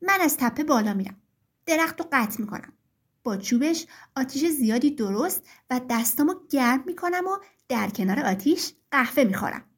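A woman voicing a bold young boy who loudly challenges the forces of nature in a storybook. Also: high voice, animated, husky, heavily acted. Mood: daydreaming. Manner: challenging questions, raised voice.

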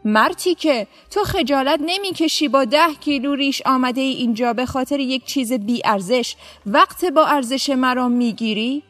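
A woman voicing an arrogant, scornful male governor in a story, talking down with loud, mocking words. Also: high voice. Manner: shouting, mocking and haughty.

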